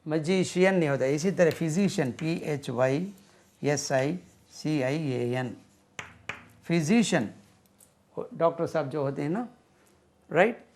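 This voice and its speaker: Speaking in a slightly high register, this English teacher works through vocabulary aloud, taking it very slowly. Each word gets spelled one letter at a time, and he keeps asking his listeners "right?" with patient repetition.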